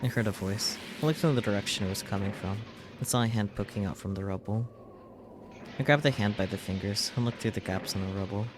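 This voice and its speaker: Over music, a male streamer reads a visual novel's script aloud as dramatic storytelling narration. His voice is fairly low and his pace is quick.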